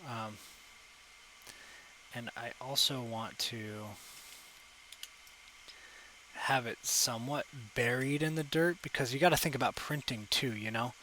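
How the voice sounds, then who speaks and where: A young man with a bright, forward voice talks casually through a live sculpting stream, narrating each step as he works. He rambles and corrects himself with plenty of ums, speaking into a desk mic with a faint hum of room ambience behind him. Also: mid-range voice, measured pace, pauses often, low-quality recording. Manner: rambling, thinking aloud with many fillers and self-corrections. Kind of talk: casual live tutorial commentary. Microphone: desk microphone.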